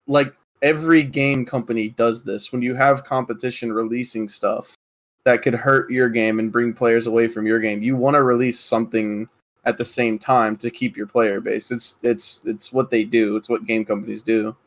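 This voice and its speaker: A man's voice: medium pitch, flat delivery, moderate pace. A man co-hosting a casual gaming podcast, chatty and opinionated, with lots of filler words. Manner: chatty, opinionated, says "like" often. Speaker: podcast co-host.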